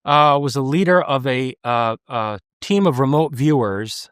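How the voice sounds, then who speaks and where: A man's voice: mid-range voice, animated, unhurried, fairly bright tone, clear, resonant tone, no room sound, clean studio sound. A man from the United States speaking as an interview guest, earnest and emphatic, with frequent restarts. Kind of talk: conversational interview.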